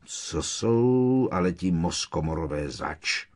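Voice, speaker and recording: A man voicing a blustering, bullying middle-aged uncle who barks and gloats loudly in an audiobook. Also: deep voice, animated. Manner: loud, barking and gloating. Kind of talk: audiobook character reading.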